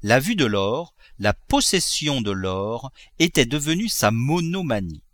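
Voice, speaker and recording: A male narrator reads a classic novel aloud with a lively, expressive melody and an even, mid-range voice. The recording is close and dry, with no room echo. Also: mid-range voice, unhurried. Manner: expressive, varied intonation. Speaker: audiobook narrator. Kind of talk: audiobook reading of a classic novel.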